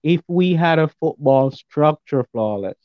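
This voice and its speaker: A man's voice: on the high side, expressive, a little slow, no echo. A man heard over a thin, phone-like connection with a dry sound. He is a podcast guest talking football casually, giving emphatic opinions and hammering his points by repetition. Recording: thin, band-limited remote call sound.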